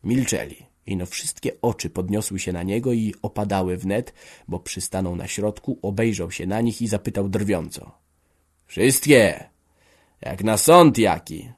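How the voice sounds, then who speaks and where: A man narrating a classic novel aloud in a steady, measured storytelling voice. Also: on the low side, breathy edge.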